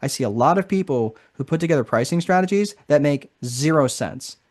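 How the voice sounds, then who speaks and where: A man's voice: on the high side, expressive, brisk, a little mellow. A man hosting a live online course session in a casual, chatty way, often tagging sentences with "right?". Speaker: marketing strategist presenting a course.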